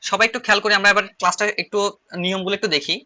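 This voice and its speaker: A man with a Chittagong Bengali accent leads an online shorthand lesson in a high, fast voice. His tone is strikingly bright and sharp, and he repeats key phrases over and over as he writes them out. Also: fairly even intonation. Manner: repeats phrases while writing on slides. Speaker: shorthand teacher. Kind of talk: online class lecture.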